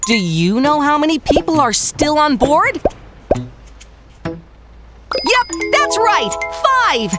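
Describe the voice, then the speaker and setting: Kids' cartoon: an upbeat panda teacher, slow and animated, asks viewers questions, music under. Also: male voice, extremely high pitch, full character voice. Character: kindly panda doctor teacher, patient and upbeat. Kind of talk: children's cartoon narration. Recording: voice over loud background music.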